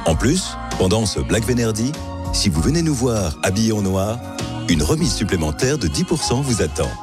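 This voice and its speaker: A man's voice: lowish voice, big pitch swings, moderate pace, over music. A man reading a playful radio advertisement. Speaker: ad voice-over.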